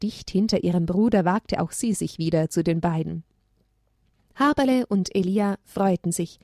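A woman's voice: lowish voice, normal speed, warm tone, no room sound, studio quality. Woman reading a children's story aloud. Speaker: narrator.

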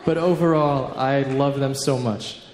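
A man in his thirties giving an earnest faith talk, with light self-mocking humor, pausing for an interpreter. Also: mid-range voice, fairly even intonation, darkish tone, a little hiss or hum. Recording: long hall reverb.

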